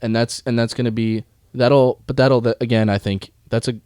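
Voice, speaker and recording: A young man co-hosting a casual sports podcast, animated, telling anecdotes and swearing casually. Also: mid-range voice, normal speed, clear, resonant tone, no room sound, clean studio sound. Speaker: podcast co-host.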